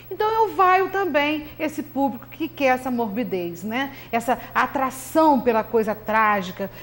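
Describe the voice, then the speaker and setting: A woman co-hosting a local TV talk show, giving earnest, reflective opinions in a measured way. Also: on the high side. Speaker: TV talk show co-host, commentator. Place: local TV studio.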